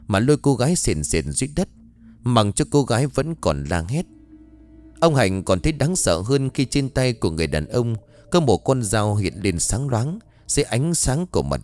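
A man narrating a horror audiobook with dramatic, expressive delivery. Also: on the low side, dry recording.

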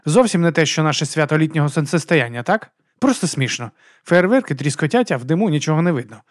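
A man's voice: a little high, sing-song, quick pace, no room sound, clean studio sound, voice pushed up. A man doing a chatty cheerful tourist. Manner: cheerful, talkative, chuckling. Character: chatty, friendly male Danish tourist. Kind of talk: audiobook character voice.

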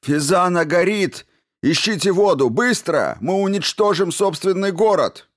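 A man putting on a frantic townsman in an audiobook, shouting himself hoarse at a rioting crowd. The voice climbs high above the reader's deep tone and stays loud and strained. He sounds torn between fury and grief. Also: lively intonation, a little slow.

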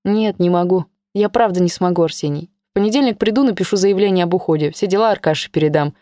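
A woman voicing a tired, listless mother who speaks flatly and quietly. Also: on the low side, fast talker, no room sound, natural voice. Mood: weary. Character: weary, listless mother in crisis.

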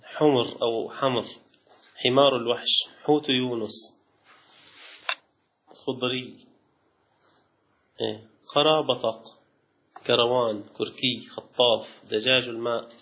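A man, a sheikh teaching Islamic law in a classroom lecture. He reads lists aloud from a text and breaks off into quick colloquial asides. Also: medium pitch, fairly even intonation, fairly bright tone.

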